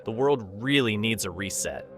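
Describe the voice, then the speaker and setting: A man's voice: lowish voice, expressive, moderate pace. A man reading scripted video narration in a conversational, disapproving way with rhetorical asides. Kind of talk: scripted narration of caught-on-camera clips. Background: prominent music bed.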